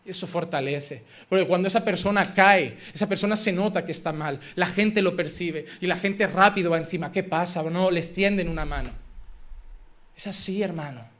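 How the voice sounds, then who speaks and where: A man from Spain preaching with a strikingly high voice and a Spanish accent from Spain. His delivery is impassioned and emphatic, hammering home repeated phrases. The tone is bright and forceful. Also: moderate pace. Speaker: pastor. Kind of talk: sermon.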